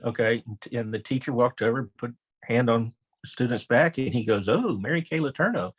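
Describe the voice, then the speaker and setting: Delivering a training webinar in a flat, brisk way, a middle-aged former elementary principal shares anecdotes despite the poor audio. Whenever he quotes someone, he acts out the voice at a higher pitch.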